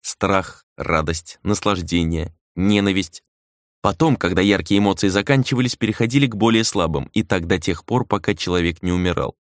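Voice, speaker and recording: A man reading a dark fantasy novel aloud as an audiobook narrator, measured and dramatic, slowing down for emphasis. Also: sits low, no room sound, studio quality.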